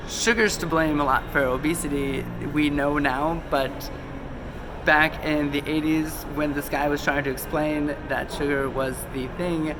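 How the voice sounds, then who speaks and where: In a fairly high voice, a man hosts a conspiracy video filmed on a phone camera, with a noisy background behind him. Casual and chatty, he fills his rambling with ums and self-corrections, sounding slightly sick as his voice fades.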